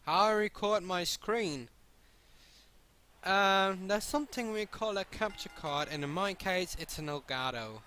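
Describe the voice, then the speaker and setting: A man's voice: high voice, a little slow. A man from continental Europe outside the British Isles, commenting on a game while joking, swearing and answering chat in a live stream. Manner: excitable, joking, swearing freely.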